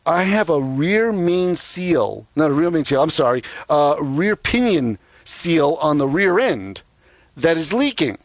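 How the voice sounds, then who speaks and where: A man co-hosting a casual car talk radio show, telling stories in an animated way and laughing often. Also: on the high side, a little slow, no echo.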